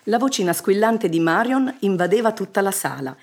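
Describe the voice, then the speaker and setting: A woman narrating a children's story in an expressive, measured reading. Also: medium pitch. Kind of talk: scripted narration.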